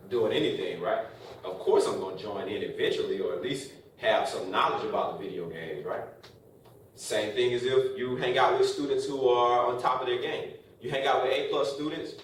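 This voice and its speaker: A man giving a joking motivational talk to college students in a classroom, tossing out rhetorical "right?" questions. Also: mid-range voice. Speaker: speaker addressing college students. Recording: very echoey room from a distance, faint noise.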